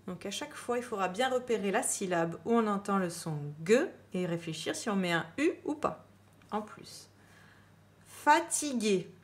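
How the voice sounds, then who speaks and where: A primary school teacher with a medium-pitched, expressive voice leads children through a dictation lesson. She speaks slowly and clearly, repeating each word with emphasis and then spelling it out letter by letter.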